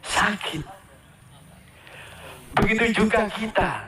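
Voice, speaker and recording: At an outdoor ceremony at an Islamic boarding school, a man addresses students, asking the crowd questions and repeating his phrases. His voice sits high and sharp, and he speaks slowly. The recording is echoey and far from the mic, with a little hiss or hum.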